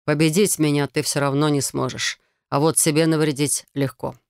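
A woman voicing a calm, patient young male prince mage who speaks in a soft, even, condescendingly gentle tone. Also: low-pitched, moderate pace, no room sound, clean studio sound.

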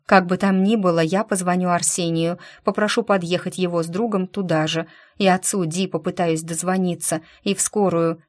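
Low-voiced woman reading an audiobook. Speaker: audiobook narrator. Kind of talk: first-person audiobook narration.

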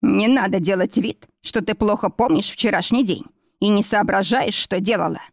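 Woman reading a joking fussy middle-aged man, slow drawn-out words, dry sound. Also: medium pitch, no room sound, close to an everyday voice.

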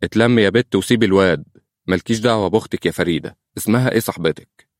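A man's voice: fairly low pitch, rapid-fire, no echo, close to an everyday voice. Bold mocking older sister, Egyptian, voiced by a man reading an audiobook, dry booth. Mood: bossy. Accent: Egyptian Arabic. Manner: brash, mocking.

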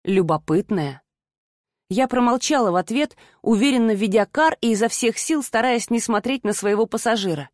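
A woman reading a first-person novel aloud, steady and even, as an audiobook narrator. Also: a little high, brisk, few pauses, no echo, studio quality.

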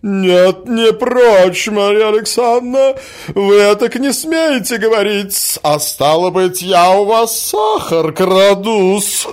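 A man voicing a shrill, quarrelsome provincial lady who squeals indignant insults and adds a fawning "-s" to her words. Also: animated, slow.

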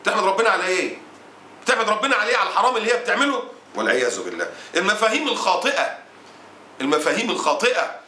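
Fiery fast-talking Egyptian preacher. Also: male voice, high voice, sing-song, sharp tone. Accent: Egyptian Arabic. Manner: fiery, indignant, scolding. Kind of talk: sermon. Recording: roomy echo.

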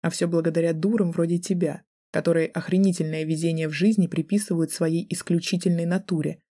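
A woman narrator voicing a mocking, menacing young male student in an audiobook, speaking low and soft in a taunting way. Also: steady tone, brisk. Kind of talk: audiobook character voice.

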